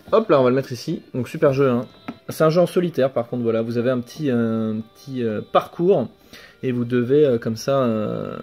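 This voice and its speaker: A young man casually showing off his flea-market finds in a home vlog, relaxed and hesitant, full of fillers and self-corrections. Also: mid-range voice. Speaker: video game collector vlogger. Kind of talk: casual show-and-tell vlog. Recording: faint background music.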